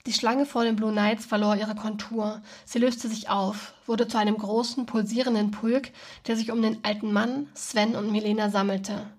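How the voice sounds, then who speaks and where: Husky woman reading a novel aloud. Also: fairly high pitch, moderate pace. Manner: relaxed, with many ums when talking freely.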